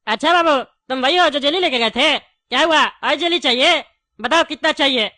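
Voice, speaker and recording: A woman's voice: sits high, bright, forceful tone, no echo. A woman voicing a chatty, wary male candy shopkeeper in a cartoon. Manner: chatty, wary, quick to take offence. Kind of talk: cartoon voice acting.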